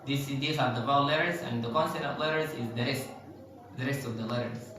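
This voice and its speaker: Man, teacher, slow drawn-out sound demos, crisp bright tone, strong room echo. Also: medium pitch. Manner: slow, deliberate demonstrations of word sounds. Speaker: English pronunciation teacher. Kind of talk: online language lesson. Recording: echoey room with faint background noise.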